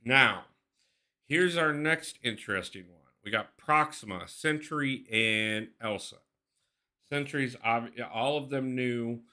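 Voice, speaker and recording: A man's voice: mid-range voice, slow, bright, forceful tone. A man live-streaming a mobile game, chatting casually, thinking aloud and greeting his viewers by name.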